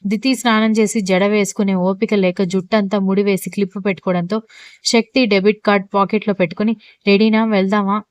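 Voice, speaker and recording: Female story narrator; fast and crisp, dry close mic. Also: mid-range voice, fairly even intonation, no room sound. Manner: brisk, smooth storytelling.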